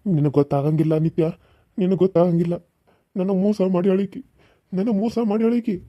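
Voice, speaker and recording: A man's voice: sits high, brisk, no room sound, highs cut off, natural voice. A man voicing a young village husband in a cartoon serial, speaking North Karnataka Kannada and repeating himself in anguished outbursts. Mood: bitter.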